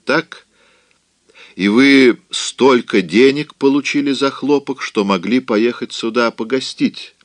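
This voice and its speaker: A man voicing a proud, hot-tempered young Southern belle in an audiobook, with a sharp, mocking, coquettish delivery. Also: on the low side, dry recording, pitched above the performer's own voice.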